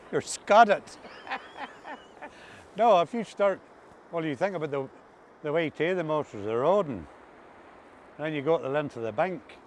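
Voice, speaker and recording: A man's voice: on the high side, expressive, moderate pace, pauses often, darkish tone. An older man with an Ulster Scots accent, chatting casually and reminiscing in broad rural dialect. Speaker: interviewee recalling farm life. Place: outdoors on a grassy coastal path by the sea. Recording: clear outdoor ambient noise.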